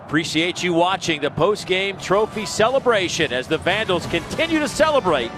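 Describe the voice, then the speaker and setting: A male TV sports announcer with a slightly high voice presents in a scripted broadcast style from the booth. Music plays clearly behind him. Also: sing-song, moderate pace, crowd noise. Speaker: television play-by-play announcer.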